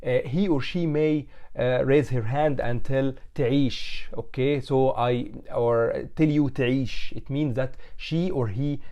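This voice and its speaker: Egyptian Arabic-accented man teaching, dark mellow voice. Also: medium pitch, fairly even intonation, unhurried, few pauses, lo-fi sound. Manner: repeats words and phrases for the learner, often checking with okay. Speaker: language teacher. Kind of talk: beginner language lesson, explaining in English with Arabic examples.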